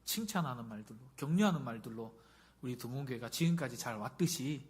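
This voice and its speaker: A man's voice: medium pitch, animated, fast talker. A middle-aged male pastor giving a conversational sermon and often putting questions to the congregation.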